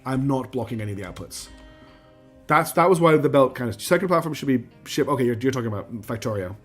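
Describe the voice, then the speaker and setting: Expressive and fast, a man with a medium-pitched, failing voice clears his throat while streaming a factory-building game. Over soft background music he thinks aloud through each build, counts, asks himself questions, and handles chat messages.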